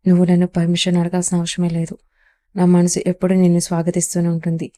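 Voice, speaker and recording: A woman's voice: lowish voice, completely flat delivery, quick pace, dark tone, natural voice. A woman voicing a wounded, obsessive young mafia don who speaks tenderly and pleadingly to the woman he loves.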